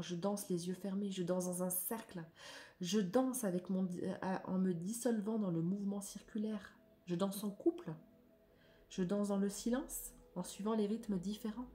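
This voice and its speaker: A woman reads oracle cards aloud in a soft, reflective way, adding her own comments and often trailing off. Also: medium pitch. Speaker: spiritual card reader.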